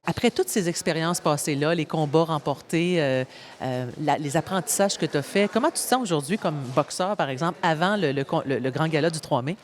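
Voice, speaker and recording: A woman, a community TV reporter asking clear, conversational questions. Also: low-pitched, a little fast. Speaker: TV reporter and host. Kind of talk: community TV interview.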